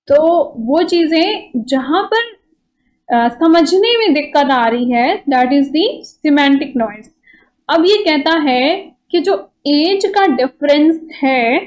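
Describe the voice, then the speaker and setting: Woman, high voice, conversational lecture, slightly muffled recording. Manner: conversational, checks in with "ठीक है" often. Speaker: exam-prep teacher. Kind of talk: explanatory online lecture.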